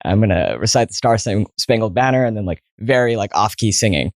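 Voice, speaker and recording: Speaking in a lowish voice with lively intonation and a fairly quick pace, this twenty-something man tells stories as a guest in casual interview talk, restarting often and filling pauses. He has an American accent, though he was born in Saudi Arabia and grew up partly in New Jersey. The sound is dry and studio-clean.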